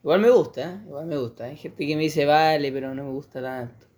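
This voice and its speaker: A man's voice: fairly high pitch, brisk, a little mellow. A man with a Chilean Spanish accent, co-hosting a casual chat with joking, slangy banter. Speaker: podcast co-host.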